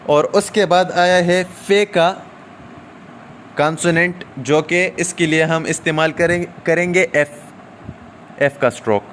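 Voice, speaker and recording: A man explains a recorded shorthand lesson step by step, drawing out "aa" fillers and often checking in with "okay?". His voice is a little high, steady and a bit bright, with a little hiss or hum in the recording.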